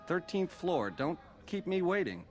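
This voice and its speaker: A suave, cocky casino boss from a video game, talking in a crooning drawl full of jive slang. His pitch swings all over, lively and animated. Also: a little slow, soft background music. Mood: smooth, flirty.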